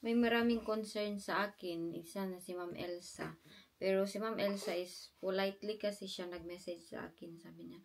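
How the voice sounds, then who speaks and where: A woman's voice: fairly even intonation, moderate pace, gravelly. A mother, chatting casually at home in a vlog and cooing baby talk to her infant. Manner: drops to soft, low-key talk when explaining. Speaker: mother vlogging family life.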